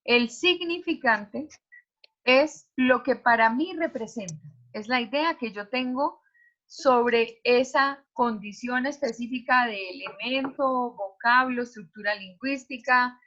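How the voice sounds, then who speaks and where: Female teacher lecturing over a video call; high, bright, questions the class. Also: highs cut off. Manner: explanatory, asks students questions.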